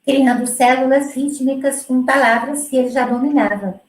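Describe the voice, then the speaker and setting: A middle-aged woman, a music educator, talking through her work in a relaxed, explanatory way with many fillers and restarts. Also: high voice, moderate pace, reverberant, low-quality recording. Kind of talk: conversational presentation.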